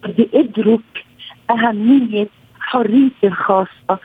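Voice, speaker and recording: A woman with a Lebanese accent, a psychoanalyst and family counselor, calmly explaining her points over a low-quality remote audio stream. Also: unhurried, breathy edge, no room sound. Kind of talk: explanatory interview answers. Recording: tinny phone-like remote line.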